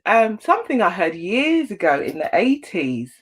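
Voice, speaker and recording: A woman from Antigua, a guest in a casual online chat, talking lively and bantering playfully over a video call. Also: mid-range voice, moderate pace, slightly rough.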